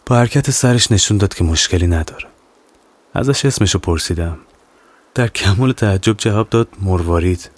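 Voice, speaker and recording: A man narrating a serialized horror audio novel in the first person, calm and measured. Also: on the low side. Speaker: narrator and author.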